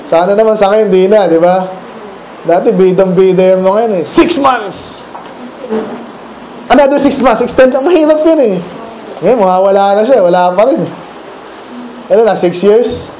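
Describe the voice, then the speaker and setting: A man's voice: high-pitched, warm tone, reverberant, a little hiss or hum, low-quality recording. A Filipino man preaching a midweek Bible study sermon, talking conversationally and asking the congregation questions. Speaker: pastor. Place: church room.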